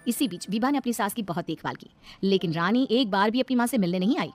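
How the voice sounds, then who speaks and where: A woman narrating a moral story in a brisk, matter-of-fact way. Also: mid-range voice, animated, faint music behind.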